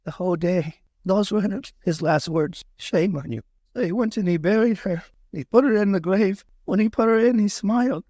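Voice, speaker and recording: A man's voice: sits high, moderate pace, hardly any pauses, dark tone, dry recording. A man telling a moral story in an emotional sermon, earnest and repeating key phrases for emphasis. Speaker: preacher.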